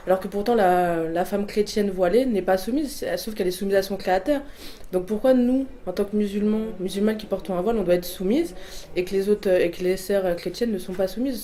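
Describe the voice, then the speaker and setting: A woman in her twenties with Portuguese family roots gives a hesitant personal testimony to prompts, full of fillers and restarts. Her voice is mid-range and dark, and a little hiss or hum can be heard.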